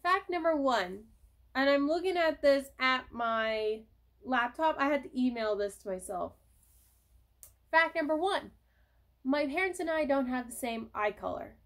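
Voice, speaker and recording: A woman's voice: sits high, animated, measured pace, a bit bright. A young woman vlogging to camera on her phone, chatting in a rambling, casual way with the odd swear word. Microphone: cell phone.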